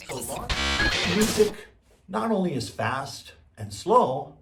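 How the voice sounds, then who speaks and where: A male music teacher leads a follow-along lesson and keeps coaxing the class to repeat after him. His pitch leaps up and down, and he speaks slowly and carefully. The recording is roomy, with the voice a little way from the mic. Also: big pitch swings, recorded from a distance. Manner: upbeat, coaxing call-and-response.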